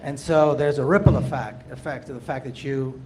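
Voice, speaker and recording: A man from Jerusalem, an activist in the audience, rises to make an impassioned public comment in a mid-range, steady-toned voice. He talks a little fast, earnest and emphatic, often repeating his phrases, against a noisy background.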